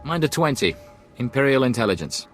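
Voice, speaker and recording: An actor playing a secretive male intelligence agent in a video game, speaking briskly and discreetly. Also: mid-range voice, big pitch swings, soft background music, natural voice.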